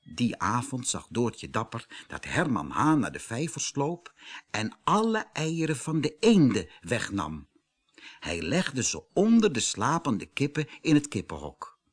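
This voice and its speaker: A man narrating a children's storybook with lively storytelling intonation. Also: mid-range voice, unhurried, slightly rough. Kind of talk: storybook reading.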